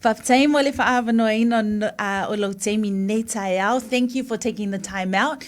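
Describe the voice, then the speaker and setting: A woman's voice: fairly high pitch, normal speed. A woman hosting a breakfast radio show, interviewing in two languages and affirming her guest with short responses.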